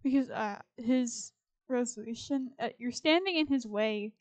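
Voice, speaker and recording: Fairly high-pitched and unhurried, this young woman's voice carries casual Sims gameplay commentary. She's a gaming YouTuber who rambles along and addresses her characters directly.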